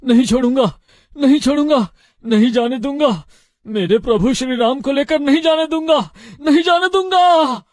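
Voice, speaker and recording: Devout village blacksmith, played by a man: high-pitched, loud and pleading. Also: animated, a little slow, no room sound, studio quality. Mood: anguished defiant. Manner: loud, pleading, cries out in anguish.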